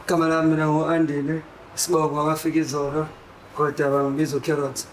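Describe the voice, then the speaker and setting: A man's voice: a little high, flat delivery, fast. A South African man, a junior football coach and former player, introducing himself in an easygoing way. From Inanda, South Africa. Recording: echoey room with clear noise.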